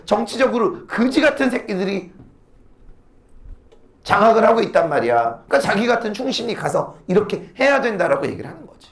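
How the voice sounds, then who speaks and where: A man teaching classical poetry to a class, asking quick questions and answering them himself, with blunt slangy asides. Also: high voice. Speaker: Korean literature teacher. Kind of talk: lecture to students.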